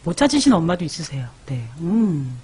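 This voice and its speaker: A woman's voice: fairly low pitch, big pitch swings, normal speed, darkish tone, breathy edge. A woman hosting a live parenting stream, chatting casually as she reads viewer comments, calls out their names and gives baby sleep tips.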